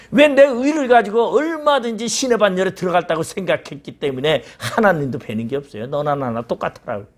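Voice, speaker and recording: Man, pastor, sermon, lively swooping pitch, slightly high voice, acted-out quotes. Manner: animated preaching, acting out God and Job in quoted voices. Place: church sanctuary.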